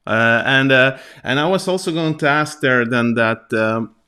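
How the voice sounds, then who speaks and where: A man hosting a casual interview, asking questions in a halting way and often rephrasing them. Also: medium pitch, pushed and bright, clean tone. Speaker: interviewer, host.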